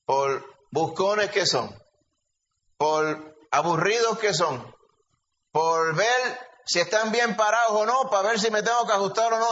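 A man preaching an animated sermon, telling stories and calling listeners brother. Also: sits high, a little hiss or hum. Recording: dull lo-fi recording, faint ambience.

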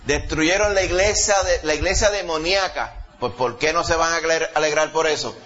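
A man with a Puerto Rican accent preaching a sermon to a congregation, emphatic, rising to loud exclamations and dropping low, often asking his listeners questions. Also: a little fast. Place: church service before a congregation. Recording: dull lo-fi recording.

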